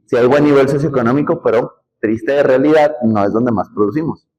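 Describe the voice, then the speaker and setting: A man's voice: on the low side, a little mellow, low-quality recording. A man from Nuevo León with a northern Mexican accent gives a classroom lecture, explaining in a conversational way and putting questions to the class. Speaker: teacher.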